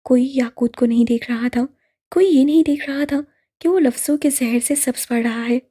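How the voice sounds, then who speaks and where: A woman narrating a novel audiobook in a slow, measured, somber way. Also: high-pitched, mellow, slightly rough. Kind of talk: novel reading.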